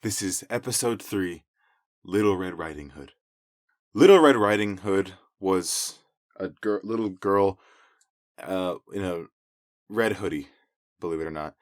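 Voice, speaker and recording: Jokey low-voiced male storyteller. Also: measured pace, pauses often, dry recording, studio quality. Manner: jokey, offhand asides. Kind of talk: casual improvised fairytale retelling.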